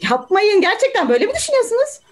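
A woman playing a calm juror who questions the evidence, speaking through a video call. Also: very high-pitched, very fast. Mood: earnest. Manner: reasoning, questioning, patient. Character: calm, persuasive juror doubting a guilty verdict. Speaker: juror in an online amateur play. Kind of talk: amateur video-call stage acting.

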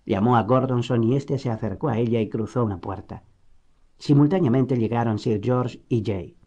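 A man from reads a novel aloud in a steady, measured way. His tone is mellow and darkish at an ordinary pitch, as is typical of a classic audiobook narration. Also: dull audio. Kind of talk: scripted narration.

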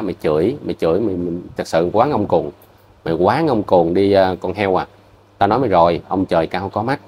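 A man with a Southern Vietnamese accent delivers a vlog rant in a low, deep voice. He talks quickly, scolds bluntly and circles back over the same points. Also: darkish tone. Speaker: vlogger. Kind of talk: heated commentary rant to viewers.

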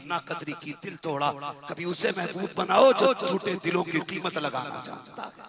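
A man preaching a sermon to a large religious gathering, telling a story dramatically and swinging between loud exhortation and hushed narration. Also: high voice, gravelly. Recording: big crowd audible behind the speech. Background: crowd.

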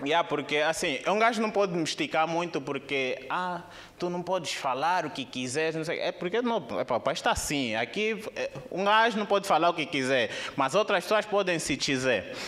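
A young man with an Angolan Portuguese accent performing a stand-up comedy set on a theater stage, speaking into a handheld microphone. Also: a little fast. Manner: animated, jumps into high squeaky put-on voices. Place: theater stage with live audience.

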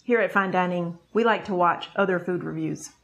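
A woman's voice: lowish voice, normal speed, a bit bright, dull audio. A middle-aged woman chatting casually as a food review co-host, emphatic and agreeable. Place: small indoor room at a table. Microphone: lapel mic.

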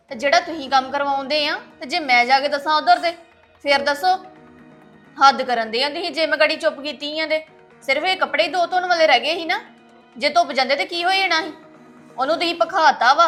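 A woman playing a fast, defiant daughter-in-law. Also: high-pitched, bright, forceful tone. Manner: rapid, argumentative. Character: defiant young daughter-in-law, outspoken and combative. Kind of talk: web series family drama.

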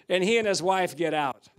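Animated man preaching a sermon. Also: sits high. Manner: animated storytelling, swings from loud to hushed. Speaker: guest preacher. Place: church sanctuary.

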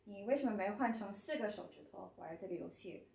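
A woman's voice: mid-range voice, expressive, fast, gravelly, a little mellow. A woman off camera casually putting questions and interpreting as an interviewer. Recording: echoey room, away from mic.

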